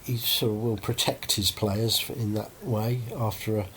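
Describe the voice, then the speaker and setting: A man's voice: lowish voice, steady tone, normal speed, a bit bright, a little hiss or hum. A man hosting a casual podcast chat, hedging often and ending points with tag questions.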